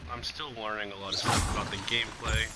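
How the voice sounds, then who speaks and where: A tired man recovering from illness, talking through laid-back gameplay commentary in a deliberately monotone, subdued way. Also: fairly low pitch, heavy background noise. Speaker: gaming streamer.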